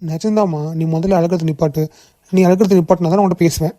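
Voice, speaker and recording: A woman voicing a kind young male boss in a cartoon, gently coaxing and reassuring. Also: lowish voice, steady tone, fast, dry recording, clean studio sound, close to an everyday voice. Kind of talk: cartoon voice acting.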